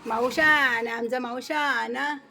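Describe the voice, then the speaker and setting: A woman's voice: fairly high pitch, steady tone, slow, gravelly, bright, forceful tone, faint music behind. A woman at home feeding her cat and dog, coaxing and scolding them in cooing baby talk, then greeting her viewers. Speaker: vlogger feeding her pets. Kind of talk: casual home vlog.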